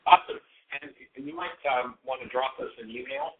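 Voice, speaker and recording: A man's voice: medium pitch, brisk, husky. A man hosting a call-in radio show, his voice echoing and breaking up over the line as he talks patiently. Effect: echoing, breaking-up phone line. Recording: tinny phone-like line.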